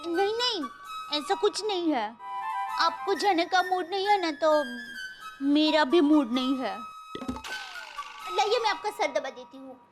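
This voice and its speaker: An actress playing a sweet, devoted housewife who talks eagerly and deferentially in a sitcom. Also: female voice, extremely high pitch, measured pace, pauses often. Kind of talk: sitcom acting. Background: music.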